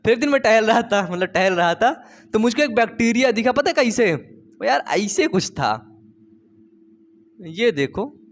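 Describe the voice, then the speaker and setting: A man's voice: sits high, sing-song, a little slow, pauses often. A man teaching biology in a playful storytelling way, asking his students questions and repeating the key terms. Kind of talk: storytelling classroom lecture.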